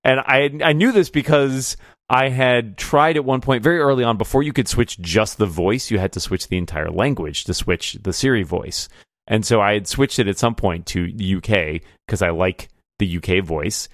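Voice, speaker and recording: Male podcast host, low-pitched, animated storyteller, dry close-miked sound. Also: normal speed, no room sound. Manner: animated storyteller, laughs often. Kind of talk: casual chat.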